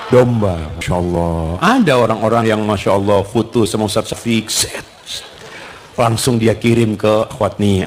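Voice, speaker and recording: A man preaching in a lively question-and-answer sermon, animated and humorous, acting out household scenes. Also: on the low side, a little hiss or hum.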